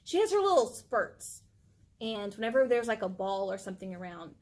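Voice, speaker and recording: A woman co-hosting a channel's vlog chats casually and gushingly about her pet, sprinkling "like" throughout. Her medium-pitched, slightly mellow voice is very animated at a moderate pace.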